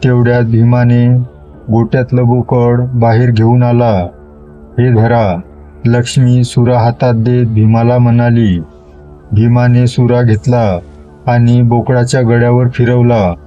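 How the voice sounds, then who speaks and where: A man narrating a horror story in a slow, steady storytelling manner. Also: mid-range voice. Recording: dull lo-fi recording with faint music.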